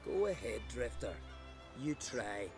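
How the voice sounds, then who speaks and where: An actor playing a brash island brawler in a video game who talks bluntly and taunts with folksy, old-fashioned speech. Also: male voice, medium pitch, very animated, slow, gravelly, full character voice. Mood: taunting. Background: game music.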